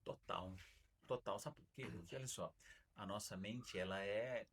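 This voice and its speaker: Calm brazilian trainer guy, husky voice, explains w everyday examples. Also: on the low side, moderate pace. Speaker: podcast guest, trainer. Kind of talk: explaining in a conversation.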